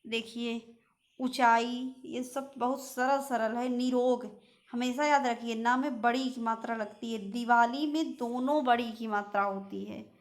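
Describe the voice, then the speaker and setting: A woman teacher going slowly through word lists in an exam-prep lesson, pointing out common spelling mistakes. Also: fairly high pitch, steady tone. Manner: slow, reads out word lists and corrects common misspellings.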